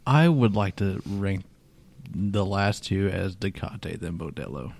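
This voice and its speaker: A man co-hosting a casual beer-tasting podcast, chatty and quick to laugh. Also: low voice, lively intonation, vocal fry, a little mellow. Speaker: podcast co-host.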